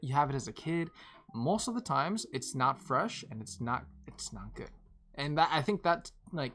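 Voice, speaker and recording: A young woman streamer chatting casually with her viewers, rambling and laughing often, going from animated bursts to tired murmurs. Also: sits low. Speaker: live streamer.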